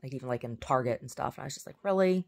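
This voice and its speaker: A woman's voice: a bass voice, level tone, very fast, creaky, slightly rough. A woman vlogging in a casual, rambling way, often trailing off and restarting her sentences.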